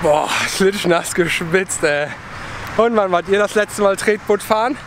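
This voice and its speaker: A high-voiced travel vlogger in his thirties chats and jokes at a measured pace, talking directly to viewers. He films himself on a handheld camera at arm's length in a city park and on a pedal boat, with loud city noise all around.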